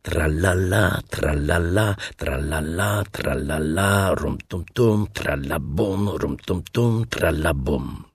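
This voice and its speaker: A man voicing a cheerful, simple-minded male teddy bear in a high, loud, sing-song voice. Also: takes it slowly, hardly any pauses, breathy edge, no room sound, clean studio sound, heavily acted. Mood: humming happily.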